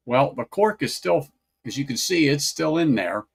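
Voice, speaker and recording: A man with a gravelly, creaky voice hosts a laid-back whiskey livestream. He talks in a loose, rambling way, doubling back on phrases and greeting viewers in the chat by name. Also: fairly high pitch, expressive, moderate pace.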